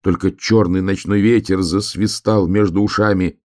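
A man reading a children's story aloud in an expressive, measured way. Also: low-pitched.

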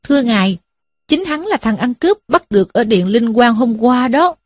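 A woman's voice: a little high, expressive, moderate pace, a little mellow, no room sound. A woman voicing a courteous male county officer who speaks formally.

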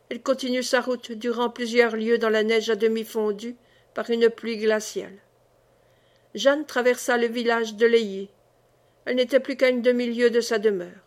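A woman reading a historical novel aloud in slow, deliberate, dramatic narration. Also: on the high side. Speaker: audiobook reader.

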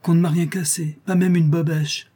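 Fussy old auntie in an audiobook, a guy doing her, higher voice, kinda husky. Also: little pitch movement, slow pace, mellow. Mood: fretful. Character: fussy, doting older aunt, houseproud.

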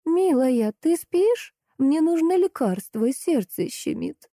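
A woman voicing a frail elderly woman who speaks slowly in a sweet, coaxing tone, in an audiobook. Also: high voice, expressive, warm tone, no room sound, clean studio sound, voice pushed up. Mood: sugary coaxing.

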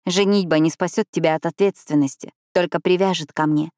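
A woman's voice: on the low side, steady tone, brisk, darkish tone, dry recording, studio quality, natural voice. A woman reading a determined young woman who keeps insisting firmly.

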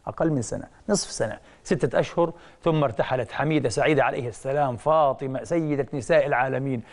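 A man giving a religious lecture, telling stories with sudden rises and hushed drops, asking questions he answers himself and often saying "aah". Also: mid-range voice, quick pace. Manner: punctuates with frequent "aah". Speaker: preacher.

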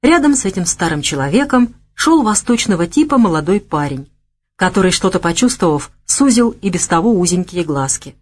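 A woman narrating an audiobook in a measured, expressive reading. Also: lowish voice. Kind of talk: scripted narration.

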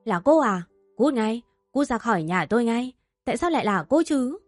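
A woman's voice: medium pitch, very animated, normal speed, dry recording, faint music behind. A woman voicing a furious, scheming rich middle-aged mother who screams insults at those around her.

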